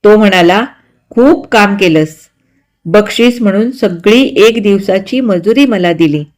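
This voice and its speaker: A woman's voice: mid-range voice, unhurried, natural voice. A woman voicing an earnest young schoolboy. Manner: calm, earnest, apologetic. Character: earnest schoolboy, eldest son, calm.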